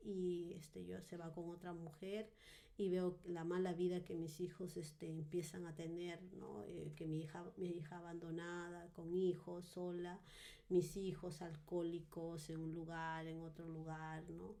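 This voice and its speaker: A woman with a low, mellow voice and a gravelly edge tells her personal testimony in a podcast interview. She speaks earnestly and thoughtfully. She often hesitates with fillers and tag questions. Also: flat delivery, a little slow. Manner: earnest and reflective storytelling. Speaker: guest giving a testimony.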